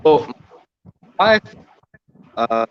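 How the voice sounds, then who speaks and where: A man calling into a group discussion over his phone, halting and full of fillers. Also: a little high, very animated, smooth. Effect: speaking over a phone line. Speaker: panel participant calling in. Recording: dull lo-fi phone audio.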